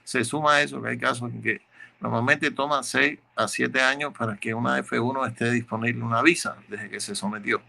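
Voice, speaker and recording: Bright, gravelly man explaining law. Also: mid-range voice, fairly even intonation, a little fast. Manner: explanatory, methodical, repeats words while searching. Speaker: immigration lawyer. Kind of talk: answering legal questions.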